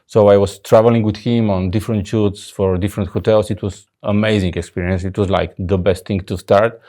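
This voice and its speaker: Bulgarian-accented man, lowish voice. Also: a little fast. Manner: relaxed, loose sentences with fillers and restarts. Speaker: photographer guest. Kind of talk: casual interview chat.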